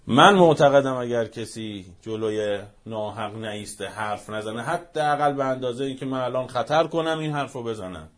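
Fervent man preaching, loud then hushed. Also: medium pitch, lively intonation, few pauses. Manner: fervent, rhetorical, swings from shouting to near-hushed. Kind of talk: impassioned speech.

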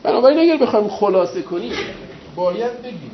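A man gives a university lecture on rhetoric, putting rhetorical questions to the class and answering them himself. His pitch and loudness stay lively, and he slows down for emphasis. The recording sounds slightly dull, with faint ambient noise.

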